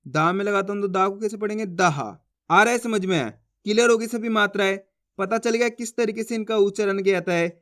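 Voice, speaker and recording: Guy with a high voice teaching basics, slow patient repeats, keeps asking if you got it. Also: a bit bright. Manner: patient, repeats syllables, checks understanding. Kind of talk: Hindi reading lesson.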